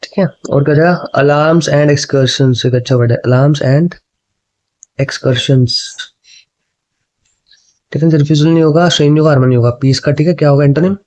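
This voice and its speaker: A man's voice: on the high side, darkish tone. A man teaching exam questions, speaking Hindi, chatty and often checking in with his students. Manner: chatty, repeats "ठीक है", reads options slowly. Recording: dull lo-fi sound.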